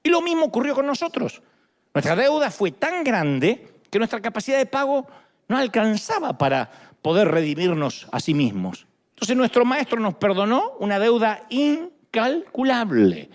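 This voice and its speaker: A man in his fifties with an Argentine accent, preaching a sermon in a lively, joking way. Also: high-pitched. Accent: Argentine Spanish. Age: 50s. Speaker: pastor.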